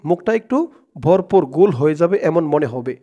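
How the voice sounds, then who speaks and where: A man teaching Quran reading, chanting verses slowly syllable by syllable and then explaining pronunciation rules plainly. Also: on the high side, warm tone, dull audio. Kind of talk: slow recitation lesson, syllable by syllable.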